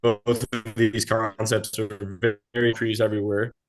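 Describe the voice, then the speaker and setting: A man, a landscape design consultant presenting to a city council over a remote call line that is breaking up, halting and trailing off mid-sentence. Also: on the low side, little pitch movement. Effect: remote call audio breaking up.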